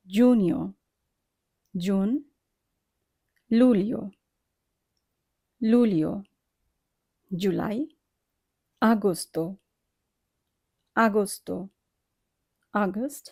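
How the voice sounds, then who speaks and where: A Bengali-accented woman gives a scripted language lesson at an unhurried, deliberate pace. Her voice is warm and mellow, recorded dry and close. She repeats each word and spells out its letters one by one. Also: medium pitch, dry recording. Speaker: language teacher.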